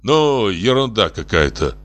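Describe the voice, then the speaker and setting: A man's voice: lowish voice, sing-song, measured pace, fairly bright tone. A man voicing a stern official who argues and lectures in a level voice. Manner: stern, argumentative. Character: stern, sober-minded male official.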